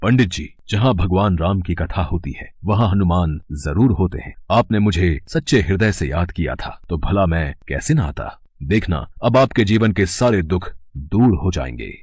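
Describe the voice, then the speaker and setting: A man voicing a calm, benevolent divine monkey god who speaks solemnly and reassuringly. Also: low voice, normal speed, breathy edge, no echo, clean studio sound, voice pushed down. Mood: gentle.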